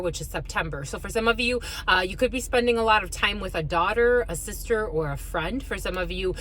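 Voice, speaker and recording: A woman host giving an intuitive tarot reading to her viewers, with halting, repetitive phrasing and affectionate asides to listeners. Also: fairly low pitch, fairly bright tone, slight background noise. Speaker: tarot card reader, channel host.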